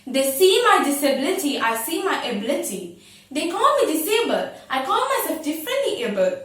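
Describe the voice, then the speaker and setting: A woman's voice: sits high, sing-song, fairly quick, fairly bright tone. A teenage girl declaiming a memorised speech as a student, with prim, precise elocution. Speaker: student contestant in a declamation contest. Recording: very echoey room, distant microphone.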